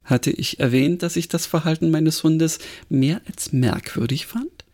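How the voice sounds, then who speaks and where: A man, a podcast host, reading a crime story aloud with expressive storytelling. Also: a little high, a little slow.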